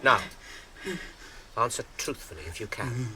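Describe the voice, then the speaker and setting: An actor playing the young hobbit Frodo in a radio drama, gentle and loyal, speaking in a soft, earnest, coaxing way. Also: male voice, medium pitch, a little slow, a crowd in the background, close to an everyday voice.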